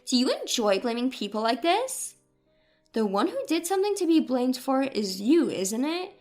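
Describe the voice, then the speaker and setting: A woman voices an indignant grandmother, caring but persistent, confronting her family in dialogue from a narrated story. Her voice sits high and is very animated, a little mellow, at a moderate pace, with faint music behind.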